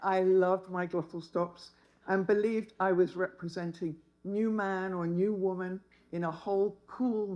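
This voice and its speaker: Slow, wry older woman. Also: mid-range voice, darkish tone, rough recording. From England. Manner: wry, humorous. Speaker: speaker. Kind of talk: personal storytelling talk.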